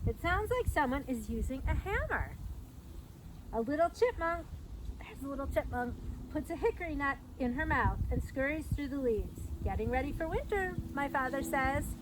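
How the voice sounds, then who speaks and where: Her high, expressive voice moves at normal speed as this middle-aged parks staff reader shares a picture book with young children. She slips in simple explanations along the way, reading outside at an open trailhead next to a fence, with clearly audible background noise.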